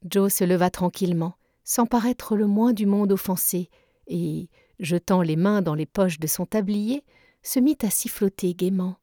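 A woman narrating a classic novel in French-language storybook reading, even and measured. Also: medium pitch, dry recording, clean studio sound. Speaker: audiobook narrator. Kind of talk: scripted narration.

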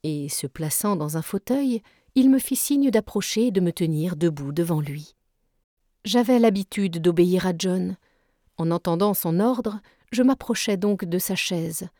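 A woman narrating an audiobook of a classic novel in a calm, measured way. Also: lowish voice, no room sound, studio quality.

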